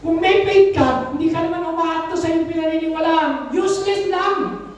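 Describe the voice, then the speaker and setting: Woman pastor preaching in church, high-pitched, roomy and distant. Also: steady tone, a little fast, darkish tone. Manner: call-and-response, often calling out "Amen". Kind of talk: sermon. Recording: echoey room, mic far off.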